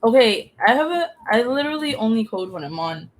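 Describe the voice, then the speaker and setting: A young woman hosting a casual coding session, chatty and quick to check her understanding with questions. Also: on the high side, big pitch swings. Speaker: host coding with her husband. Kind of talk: casual live-stream chat.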